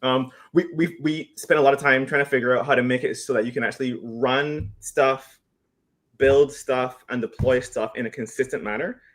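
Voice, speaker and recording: A man's voice: medium pitch, steady tone, normal speed. Man talking casually on a video call. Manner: loose, joking, many restarts. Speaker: engineering team member. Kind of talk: casual live Q&A chat.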